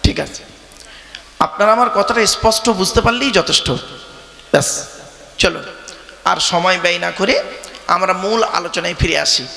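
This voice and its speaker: A man's voice: high voice, normal speed, creaky, pauses often, pushed and bright. A man preaching a sermon at a religious gathering, talking conversationally and quizzing the crowd directly. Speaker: Islamic preacher. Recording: long reverb of a large venue.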